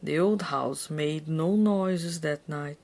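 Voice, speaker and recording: A woman storyteller with a lowish voice and a very slow pace. She narrates a children's story with hammy, stage-like drama. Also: darkish tone.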